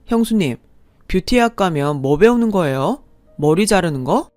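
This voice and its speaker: A woman's voice: fairly low pitch, lively intonation, normal speed, darkish tone, dry recording, faint music behind, natural voice. A woman doing a smug young brother-in-law. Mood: mocking. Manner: sneering, mock-polite.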